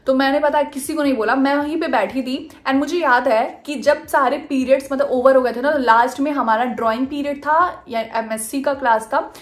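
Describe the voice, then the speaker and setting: Young woman vlogger, chatty storyteller, slightly high voice. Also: moderate pace, few pauses. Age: young adult. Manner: chatty, animated, mixing Hindi and English. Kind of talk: casual storytime.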